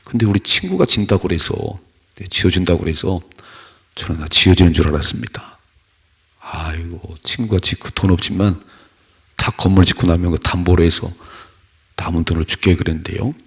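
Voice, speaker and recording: Deep, gravelly-voiced male pastor preaching. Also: a little fast. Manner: conversational preaching with rhetorical questions and personal stories. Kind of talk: early-morning sermon. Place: church.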